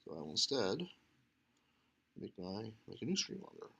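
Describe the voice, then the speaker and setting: A man's voice: deep voice, very animated, normal speed, pushed and bright, slightly rough. A man teaching a computer science class, talking casually with many fillers and restarts as he thinks aloud. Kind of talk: lecture.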